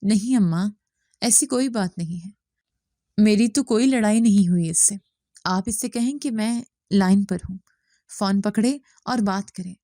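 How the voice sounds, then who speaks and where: A woman's voice: mid-range voice, warm tone, no room sound, studio quality, close to an everyday voice. A woman voicing a young husband abroad who speaks tersely and insistently. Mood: frustrated. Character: young husband working abroad, frustrated and suspicious.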